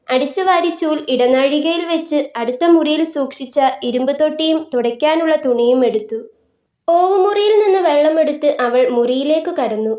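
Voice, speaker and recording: A woman narrating a literary novel in a calm, even reading voice, lightly voicing the characters' lines. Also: high voice. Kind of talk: scripted narration of a literary story. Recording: roomy echoey room.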